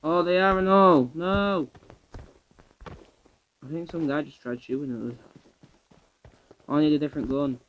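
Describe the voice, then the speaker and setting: A man giving chatty, excitable gameplay commentary to his viewers. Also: a little high, a little slow, pauses often, muffled recording. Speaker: gamer.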